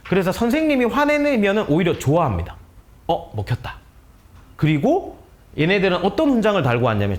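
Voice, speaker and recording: A male teacher earnestly explaining how to guide students, giving practical advice to other teachers and acting out sample conversations. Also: a little high. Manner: earnest, explanatory, acts out dialogues. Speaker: teacher, guest speaker.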